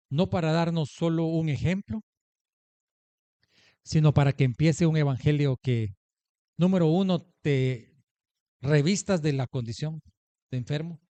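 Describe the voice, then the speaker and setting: Emphatic preaching pastor, slightly high voice. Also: male voice, warm tone, no room sound. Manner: emphatic preaching with rhetorical questions to the congregation. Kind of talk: sermon. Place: church in the United States.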